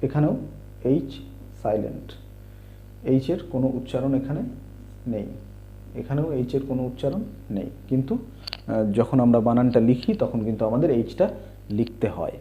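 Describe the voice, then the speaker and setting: A man teaching English sounds in a slow explanatory lesson, spelling out letters and patiently repeating each word. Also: mid-range voice, mellow, slight background noise. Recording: dull lo-fi recording.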